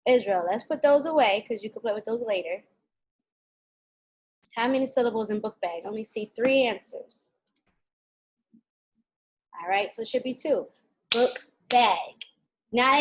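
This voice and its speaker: A woman teaching a live online kindergarten lesson, patient and clear, speaking slowly to young children over a video call. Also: on the high side, poor audio.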